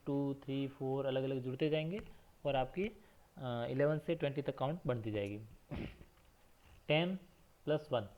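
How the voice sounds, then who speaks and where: A man teaching a slow, repetitive counting lesson for children, spelling words letter by letter and asking questions that he answers himself. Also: medium pitch. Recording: dull lo-fi recording.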